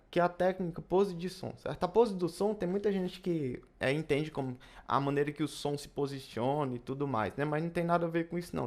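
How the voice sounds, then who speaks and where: A young Brazilian saxophone teacher with a fairly high voice explains technique in a relaxed video lesson. His Brazilian Portuguese accent comes through, and in his casual manner he frequently adds quick tag questions to check in with the viewer.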